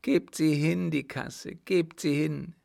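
A wailing, half-mad young baron cries out in high, strained bursts, as a male narrator puts him on. His voice carries a gravelly edge and drags slowly through the raving. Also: steady tone, a little mellow, exaggerated voice. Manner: shrill, wailing, anguished outbursts.

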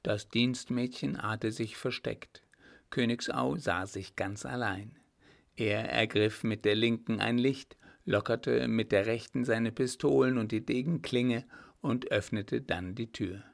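Gravelly male audiobook narrator. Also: a little slow. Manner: steady storytelling, voicing characters with small lifts in pitch. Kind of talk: scripted narration of a historical novel.

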